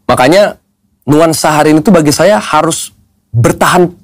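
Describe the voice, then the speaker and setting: A man talking casually as a podcast host, animated and mixing in English phrases. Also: on the high side, moderate pace, no room sound, clean studio sound. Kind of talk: casual chat.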